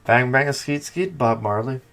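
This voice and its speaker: A man's voice: medium pitch, measured pace, a bit bright. A man hosting a podcast in casual chat, teasing and swearing a lot. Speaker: podcast host.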